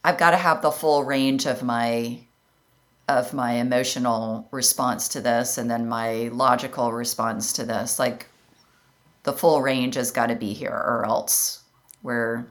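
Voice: mid-range voice, fairly even intonation, measured pace, fairly bright tone. Reflective podcast host thinking aloud. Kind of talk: casual interview chat.

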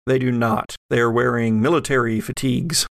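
A game master and podcast host runs a tabletop horror game, his voice creaky, somewhat low and steady in tone. He improvises scenes vividly but haltingly, feeling his way through them. The sound is close and dry, with no echo.

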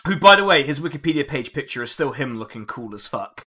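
A man's voice: medium pitch, expressive, quick pace, bright, forceful tone, breathy edge. A man hosting a casual history podcast, chatty and wry, laughing often and swearing freely. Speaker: podcast host.

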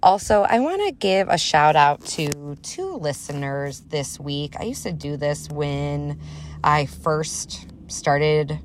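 A woman's voice: sits low, expressive, slow pace, background noise. A woman in her thirties hosting a solo podcast, talking casually in an upbeat, chatty and encouraging way. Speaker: podcast host and motivational speaker.

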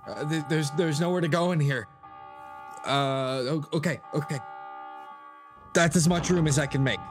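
A man's voice: a little high, normal speed, big-room sound, music in the background, natural voice. An actor playing a nervous, shaken male worker in a video game who stammers when agitated.

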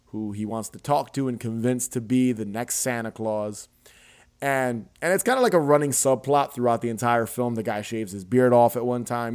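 A young adult man hosting a podcast, retelling a film scene in a casual, animated way with laughs and swearing. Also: mid-range voice. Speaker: podcast host. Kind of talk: casual chat.

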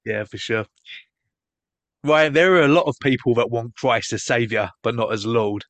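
Male interviewer, middle pitch, dry close sound, short direct questions. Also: normal speed, no room sound. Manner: brief encouraging responses and direct questions.

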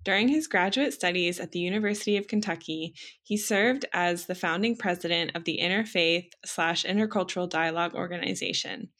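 A woman with a slightly low voice hosts a podcast interview. She introduces guests and asks questions in a friendly way, using fillers as she talks. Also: fairly bright tone. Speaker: podcast host.

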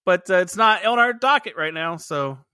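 Male podcast co-host, casual rambling chat, forceful bright tone, dry recording. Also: high-pitched, lively intonation, normal speed, smooth, no room sound. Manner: chatty, laughs often, rambling restarts. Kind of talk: casual movie review chat.

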